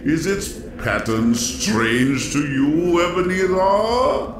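Echoing, very slow, mournful ghost. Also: male voice, a little high, animated. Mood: grave, sorrowful. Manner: slow, solemn, drawn-out theatrical delivery. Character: mournful, menacing ghost of a dead miserly businessman. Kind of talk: audio drama acting of a Victorian ghost story. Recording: echoing voice over noisy eerie ambience.

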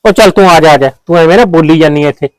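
A man's voice: a little high, racing, dry recording, natural voice, low-quality recording. A man playing an insistent Punjabi-accented husband. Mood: hushing. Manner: insistent, hushing, pleading. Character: pushy young husband, mother's son. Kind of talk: comedy short-film acting.

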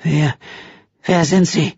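A man voicing a furious, frightened middle-aged woman in an audiobook, speaking high-pitched and panicky. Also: fairly even intonation, takes it slowly, gravelly, darkish tone, husky, lo-fi sound, exaggerated voice.

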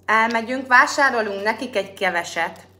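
A woman's voice: on the high side, sharp tone. A woman hosting a livestream, chatting casually and directly with her viewers. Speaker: livestream host.

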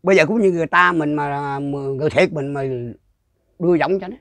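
A man's voice: on the high side, a little fast, vocal fry, fairly bright tone, no room sound. Older Southern Vietnamese man telling ghost tales. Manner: rambling, repetitive, with frequent restarts. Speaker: storyteller interviewee. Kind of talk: casual folk storytelling.

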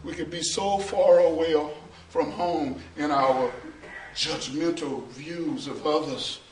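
A middle-aged male pastor preaching a sermon in a small church. He preaches slowly and builds to shouting, half-sung peaks. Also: on the high side, a little hiss or hum. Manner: slow, preachy, rises to shouting and half-singing. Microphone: far camera, no mic seen. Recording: roomy church echo from far off.

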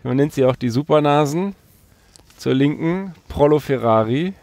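Gravelly-voiced man hosting a joking chat. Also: fairly high pitch, lively intonation, moderate pace, darkish tone, no room sound. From Berlin. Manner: joking, teasing introductions. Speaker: podcast host. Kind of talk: casual chat among friends. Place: inside a parked van.

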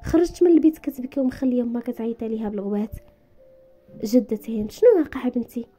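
A Moroccan woman tells a dramatic story at a quick clip, voicing each character herself. Her voice sits high but warm and mellow, climbing higher and sharper for the emotional lines. Soft music plays behind her. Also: animated. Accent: Moroccan Arabic. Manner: shifts into higher, more emotional pitch for the quoted characters.

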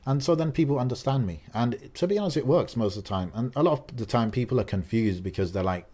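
A young man of Algerian background co-hosts a podcast, chatting casually and talkatively with lots of fillers and restarts. His mid-range voice is dark-toned with a breathy edge, and he talks at a quick pace.

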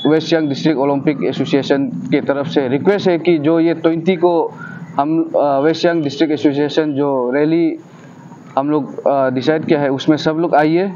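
A man's voice: a little high, steady tone, normal speed, warm tone, muffled recording, slight background noise. A man opening an outdoor press briefing, speaking hesitantly with fillers as he invites people to a rally. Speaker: association representative. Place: outdoor rooftop terrace.

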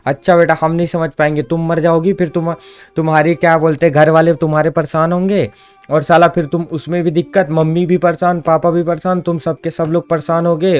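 A man's voice: a little high, darkish tone, clear, resonant tone. A young man scolds a friend in a casual gaming vlog chat and keeps saying "bhai" and "yaar". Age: young adult. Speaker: gaming vlogger.

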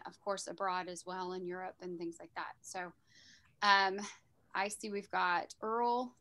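A woman opens a video call as its moderator. She talks in a friendly, relaxed way with plenty of ums, and her voice has a bright, forward ring to it. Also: mid-range voice. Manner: friendly, loose, full of ums. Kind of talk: casual online meeting intro.

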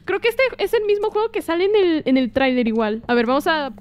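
Excitable high-voiced woman streamer. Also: fast talker. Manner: excitable, shrieking reactions, translating game lines. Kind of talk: gameplay commentary. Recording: game music behind.

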